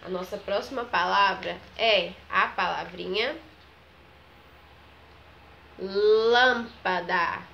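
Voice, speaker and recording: A woman, teaching a children's grammar lesson. She talks slowly, stretches out each example word, and keeps checking in with the class. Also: mid-range voice, fairly bright tone, highs cut off, a little hiss or hum. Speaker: primary school teacher.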